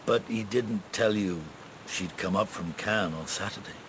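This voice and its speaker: An actor in a radio drama playing an avuncular, world-weary middle-aged police inspector who speaks in a measured, halting way. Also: male voice, fairly low pitch, a little hiss or hum, close to an everyday voice, poor audio. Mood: grave, deliberate.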